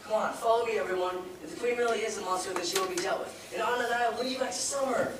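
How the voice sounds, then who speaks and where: A man's voice: high-pitched, racing, noisy background, lightly acted. A teenage boy playing an authoritative young prince in a school stage musical, recorded from far off in an echoey auditorium. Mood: firm, authoritative. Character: authoritative young prince taking charge of a crowd. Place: theatre stage, distant audience camera.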